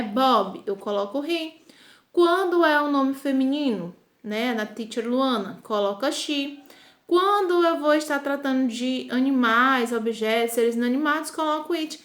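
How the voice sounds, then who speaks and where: High-voiced teacher, patient and echoey. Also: female voice, fairly bright tone. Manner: patient, slow and deliberate, repeats "tá?" and "ok?" checks; slows down to pronounce English examples carefully. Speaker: primary school English teacher. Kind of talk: recorded online English lesson for children.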